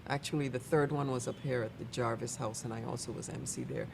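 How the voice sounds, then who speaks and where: Gravelly voice, casually remembering stuff, kinda halting, noisy recording. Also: medium pitch, steady tone. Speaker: event emcee recalling ceremonies. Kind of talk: casual recollection. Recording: clearly noisy background.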